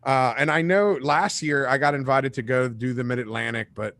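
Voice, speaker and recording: A man's voice: mid-range voice, normal speed. A man in his late forties hosting a fishing talk show, chatting casually and joking, acting out quotes in his stories. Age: 40s. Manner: animated joking storyteller with acted-out quotes. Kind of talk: casual live-stream chat.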